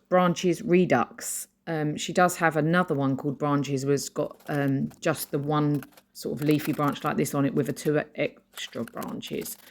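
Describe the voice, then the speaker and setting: Female craft creator, low-pitched voice, easygoing voice-over that walks through her supplies and offers tips. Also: slight background noise. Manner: chatty, explains her supplies and gives practical tips. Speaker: art journaling creator. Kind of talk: casual voice-over narration of a craft process video.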